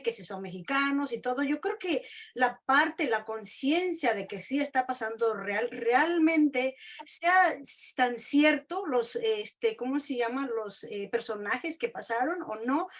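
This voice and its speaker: High-voiced woman hosting a casual talk. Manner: rambling, searching for words. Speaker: host; works with farmworker organizations. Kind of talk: casual discussion.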